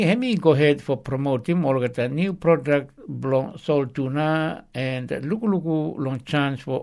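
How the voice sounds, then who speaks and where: A man's voice: medium pitch, a little mellow. A man with a Melanesian accent, working as a radio presenter and reading the news in pidgin.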